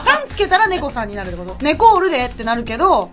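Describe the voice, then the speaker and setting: A woman's voice: a little high, sing-song, very fast, pushed and bright, soft background music. A woman bantering and teasing in a giggly way. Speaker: co-presenter. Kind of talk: casual banter.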